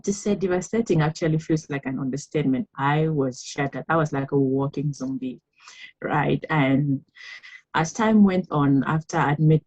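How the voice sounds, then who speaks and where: Low-voiced Cameroonian-born woman storyteller. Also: normal speed, darkish tone, rough recording. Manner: reflective storytelling with frequent laughs and fillers. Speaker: guest author. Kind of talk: podcast interview.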